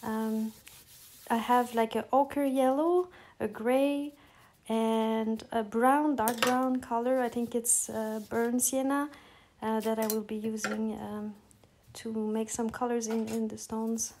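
Against a noisy background, a French-speaking middle-aged artist from Quebec, Canada, narrates her art process in English with a Quebec French accent, her pitch fairly high. The casual tutorial voice-over is calm and relaxed yet hesitant, full of pauses, fillers and restarts.

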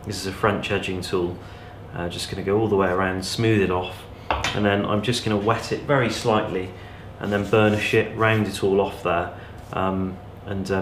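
Low-voiced man demonstrating leatherwork in an echoey workshop. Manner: relaxed, practical, talking while working. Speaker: bushcraft channel host. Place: cluttered indoor workshop. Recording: echoey workshop with background noise.

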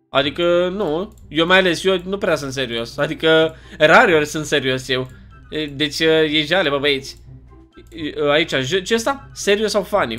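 Animated young Romanian gamer man, lively pitch. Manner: chatty, animated, jokey, often puzzled and exclaiming. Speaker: gaming YouTuber. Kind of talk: casual gameplay commentary.

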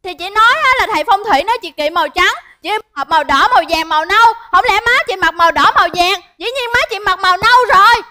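A cheeky know-it-all young helper. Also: female voice, very high voice, fast, hardly any pauses, bright, forceful tone. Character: cheeky young woman helper caring for the mother. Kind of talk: stage comedy sketch.

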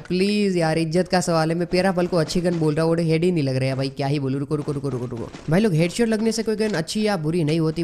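A man from India giving excitable gameplay commentary as a gaming YouTuber, mixing English slang into his talk. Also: fairly high pitch, a little hiss or hum. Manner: excitable, mixes English slang into Hindi, frequent exclamations.

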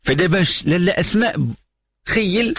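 A man's voice: high-pitched, expressive, normal speed, fairly bright tone, husky, no echo. A middle-aged man with a Moroccan accent hosting a call-in radio advice show, lecturing with emphatic repetition and French phrases. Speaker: radio psychologist host.

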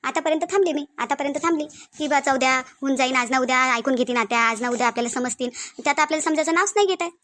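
In a cartoon family drama, a woman with a Varhadi Marathi accent voices a stubborn, aggrieved young daughter-in-law. Her high-pitched, fairly bright voice races along as she complains insistently and indignantly, repeating herself.

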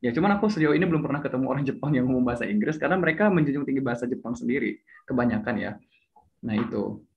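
A man's voice: mid-range voice, expressive, very fast, vocal fry. A young man in casual chat, explaining things while often stopping to correct himself. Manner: chatty, hesitant, self-correcting with fillers. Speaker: speaker sharing English tips. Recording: slightly dull lo-fi audio.

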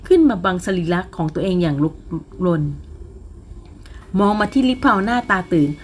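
A woman's voice: medium pitch, expressive, moderate pace, a little hiss or hum. Woman narrating a romance audiobook. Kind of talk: scripted narration of a romance novel.

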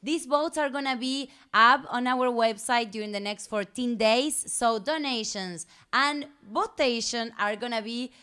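A woman hosting a live stream and giving announcements in earnest, non-native English. She speaks slowly, and her voice is smooth and clear. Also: on the high side, bright, forceful tone.

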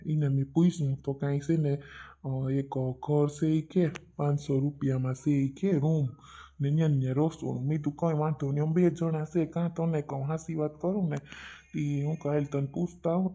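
A man's voice: a little high, dark tone, highs cut off. A man doing a rambling old cartoon father. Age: older. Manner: rambling, chiding. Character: old father, stubborn and scolding.

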